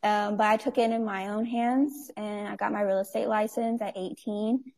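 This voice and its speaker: Mellow-voiced young woman, chatty guest. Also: medium pitch, steady tone, normal speed. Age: 20s. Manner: chatty, many fillers, laughs easily. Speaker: guest, nonprofit owner. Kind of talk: casual interview chat.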